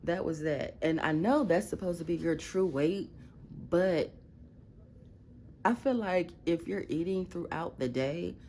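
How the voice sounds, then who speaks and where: A deep, mellow female voice, with a little hiss or hum in the recording, belongs to a woman vlogging from her bedroom at night. Groggy and just woken, she speaks in a Midwestern American accent, telling blunt, profane, rambling stories.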